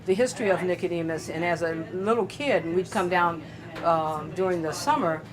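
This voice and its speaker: Older woman, from California, slightly low-pitched, interview storytelling, animated, acts out quoted dialogue. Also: brisk, crowd noise. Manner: animated storyteller who acts out the voices of people she quotes.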